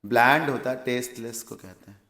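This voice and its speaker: Gravelly Indian male English teacher. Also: medium pitch, a little fast, a bit bright, roomy sound. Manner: explains word meanings step by step, asks and answers his own questions. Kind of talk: exam vocabulary lesson.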